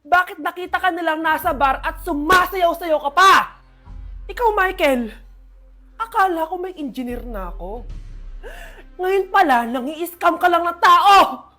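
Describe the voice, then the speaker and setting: Brief: woman as a frantic skit mom, very high voice, wails and scolds, faint music behind. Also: expressive, measured pace, bright, forceful tone, exaggerated voice. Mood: accusing. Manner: wailing, scolding. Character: distraught mother of a grown family. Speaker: mother in comedy skits.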